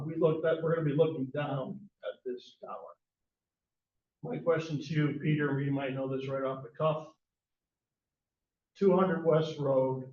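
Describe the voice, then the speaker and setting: A man's voice: medium pitch, a little mellow. A man giving public comment at a town hearing, asking a careful question one piece at a time. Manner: slow, deliberate questioning. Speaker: resident speaking at a public hearing. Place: echoey town meeting hall. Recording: distant, echoey, dull hall recording.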